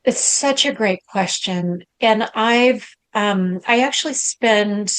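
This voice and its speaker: A middle-aged woman, a guest coach, telling a story in a conversational interview, her voice rising high as she relives moments. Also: slow pace, clean tone. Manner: animated, rises high when reliving moments.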